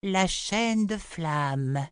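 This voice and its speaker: A man reading an audiobook, voicing a cryptic, aloof woman seer in a raised, slow voice with dry, close sound. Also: animated, fairly bright tone, clear, resonant tone, no room sound, exaggerated voice. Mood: evasive. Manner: raised pitch, slow measured delivery. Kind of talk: audiobook character voice.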